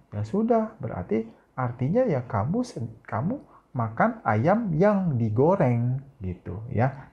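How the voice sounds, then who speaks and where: A male teacher giving a recorded lesson, explaining patiently and tagging many sentences with a questioning "ya". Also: mid-range voice. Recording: tinny phone-like recording.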